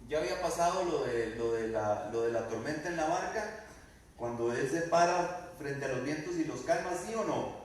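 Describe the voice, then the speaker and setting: A man's voice: fairly high pitch, lively intonation, moderate pace. A male pastor preaches a sermon, asking the congregation questions and acting out quoted lines. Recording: very echoey room, mic at a distance.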